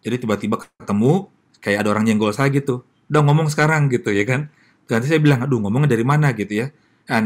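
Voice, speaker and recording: Speaking straight to his audience, a man with an Indonesian accent delivers a relaxed sermon as a pastor and takes questions. His pitch is medium, and he leans heavily on tag questions.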